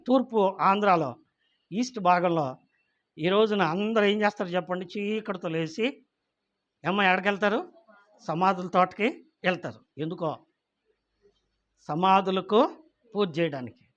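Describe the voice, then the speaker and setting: A man gives a sermon in a high voice. He keeps turning to the congregation with questions and acts out the people in the story he tells. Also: a bit bright, muffled recording. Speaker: pastor.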